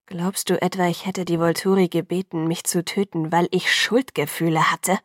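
A woman voicing a brooding young male vampire in a whispered role-play, speaking slowly, low and earnest. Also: level tone, no room sound, clean studio sound, close to an everyday voice. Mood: hushed earnest. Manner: hushed, low, slow and earnest.

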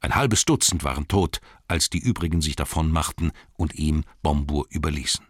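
A man narrating a storybook in an expressive, lively way, with asides to his listeners. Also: very deep voice, moderate pace, dry recording, studio quality. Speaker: audiobook narrator.

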